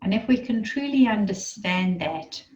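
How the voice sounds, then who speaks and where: A woman with a mid-range, animated voice leads a guided meditation, calm and unhurried, offering gentle instructions with pauses in between. She's far from the microphone, and the sound is lo-fi.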